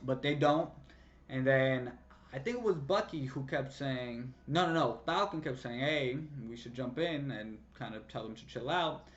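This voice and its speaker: A man excitedly recapping a TV episode in casual slang, acting out scenes with sound effects. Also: medium pitch, normal speed. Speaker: show recap vlogger. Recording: slightly dull lo-fi sound.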